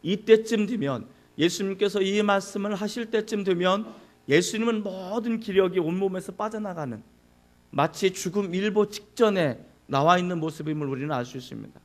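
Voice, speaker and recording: A man's voice: sits high, normal speed. A male pastor preaching a sermon, who asks the congregation questions and acts out anguished cries.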